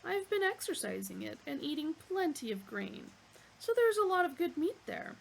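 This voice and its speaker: A cheerful, courteous creature pitches its own cuts of meat with a waiter's eager charm, voiced by a woman. The voice swoops up and down with animated lilts. Every offer sounds gracious and contented. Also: moderate pace, vocal fry, slight background noise, exaggerated voice, low-quality recording. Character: polite, eager male cow-like beast offering itself as food.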